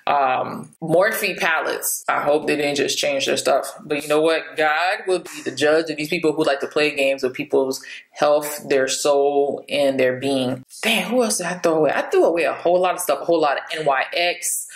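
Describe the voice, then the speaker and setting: Low-voiced frank woman vlogger, roomy echo. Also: moderate pace, gravelly. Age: 30s. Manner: frank, chatty, laughs often. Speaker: beauty vlogger. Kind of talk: casual chat to camera.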